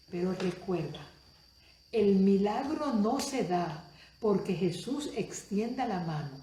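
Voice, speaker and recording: A woman preacher delivering a Spanish-language sermon, moving between soft asides and loud exclamations and asking the audience many questions. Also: medium pitch, echoey room, a little hiss or hum.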